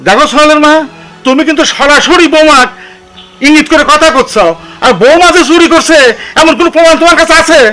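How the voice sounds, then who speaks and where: A man's voice: very high-pitched, quick pace, soft background music, rough recording. An actor playing a fair-minded older village father who scolds his wife and demands proof. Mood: firm. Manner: reproachful, reasoning.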